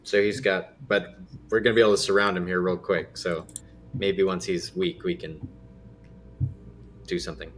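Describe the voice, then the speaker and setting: A man's voice: low-pitched, flat delivery, moderate pace, long pauses, a little hiss or hum. A man playing a tabletop game, chatting casually in a tentative, hedging way. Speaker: player.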